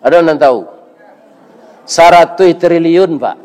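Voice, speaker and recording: Older folksy Minangkabau preacher. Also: male voice, a little high, a little slow, darkish tone. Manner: folksy, bantering, keeps asking "iya kan?". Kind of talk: village sermon with crowd questions.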